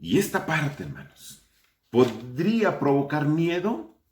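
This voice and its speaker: A man's voice: on the high side, very animated, slow pace, darkish tone, roomy sound. A man preaching an online Sunday sermon as pastor, putting questions to his congregation and calling them brothers.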